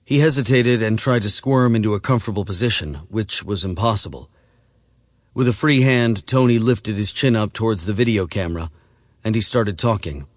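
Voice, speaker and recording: A man narrating an audiobook in a measured, steady reading voice. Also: lowish voice, no echo, clean studio sound. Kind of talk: scripted narration.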